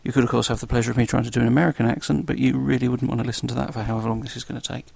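A man with a South London accent talks quickly and casually as a stand-in podcast host. His voice has a creaky edge and is recorded close and dry. He keeps up a wry, self-deprecating humour. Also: medium pitch, little pitch movement, darkish tone, dry recording. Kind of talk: casual solo podcast talk.

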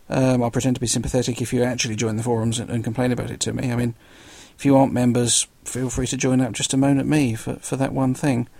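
A man with a South London accent talks quickly and casually as a stand-in podcast host. His voice has a creaky edge and is recorded close and dry. He keeps up a wry, self-deprecating humour. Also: medium pitch, darkish tone, dry recording. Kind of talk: casual solo podcast talk.

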